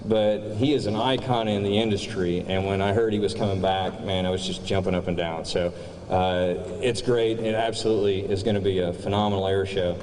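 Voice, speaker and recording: A man giving an informal, enthusiastic, halting welcome speech as a military commander. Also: deep voice, steady tone, a little mellow. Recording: echoey hall, faint background noise.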